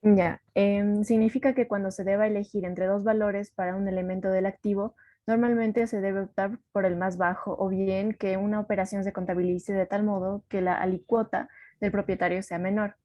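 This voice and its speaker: A woman student reading a passage aloud in class, at a steady pace. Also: medium pitch, normal speed, few pauses, dry recording, dull audio.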